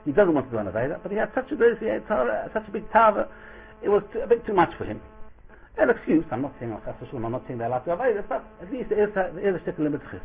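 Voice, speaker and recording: A man with a Yiddish accent giving an informal Torah lecture as a rabbi, acting out dialogue and asking rhetorical questions in an animated storytelling way. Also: high voice, fast. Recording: thin, phone-like radio-quality audio.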